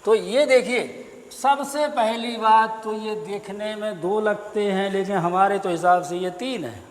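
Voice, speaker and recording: A male Hindi teacher giving a slow, deliberate grammar lesson, spelling sounds out one at a time. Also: sits high, big-room sound. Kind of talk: classroom-style explanatory lesson.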